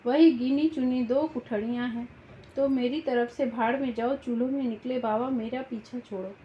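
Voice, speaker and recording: A woman's voice: on the high side, steady tone, moderate pace, slight background noise, close to an everyday voice. A woman voicing an irritable young male student in an audiobook, speaking curtly and sulkily. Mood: irritated. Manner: sulky, curt, annoyed. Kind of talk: audiobook reading. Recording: roomy, slightly dull home recording.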